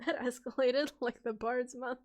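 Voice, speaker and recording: Woman storyteller on a live stream, voice getting worn, keeps it soft and chatty, a bit high-pitched. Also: fairly even intonation, normal speed. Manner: chatty, laughs often between readings; softer, less forceful delivery to rest the voice. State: voice getting tired. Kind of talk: live-stream reading of character backstories.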